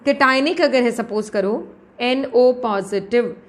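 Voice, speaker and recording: Woman chem teacher, high voice, keeps quizzing students then answering herself. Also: slow. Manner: asks questions and answers them herself, calls students "beta". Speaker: chemistry teacher. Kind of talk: lecture.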